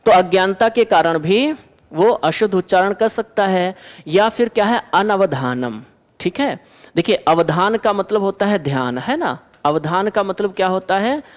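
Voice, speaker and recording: High-voiced male teacher, echoey room. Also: expressive, unhurried. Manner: asks the class questions and answers them himself. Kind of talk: exam-prep lecture.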